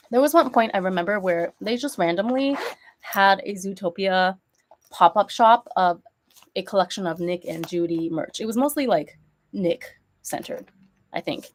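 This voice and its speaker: Nasal, stuffy woman chatting casually. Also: medium pitch. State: congested from a recent cold, with a sore throat. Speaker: vlogger. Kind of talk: casual chatty haul vlog.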